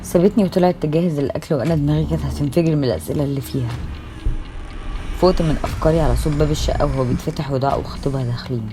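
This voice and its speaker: A woman's voice: low voice, rapid-fire. A woman with an Egyptian accent narrating a horror story in the first person, intense and emotional. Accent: Egyptian Arabic. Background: faint music.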